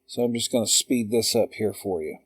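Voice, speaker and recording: A man calmly talking through a drawing tutorial step by step, in an unhurried voice-over. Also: fairly low pitch, slightly rough, no echo. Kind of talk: slow screen-recorded tutorial.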